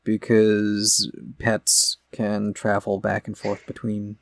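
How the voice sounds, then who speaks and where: A man with a gravelly voice talks through a film plot in a rambling podcast chat, full of ums and restarts. His speech is low, and the recording is dry and close. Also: completely flat delivery, slow pace, no echo. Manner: rambling, explanatory, with many fillers. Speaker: podcast co-host. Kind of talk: casual chat.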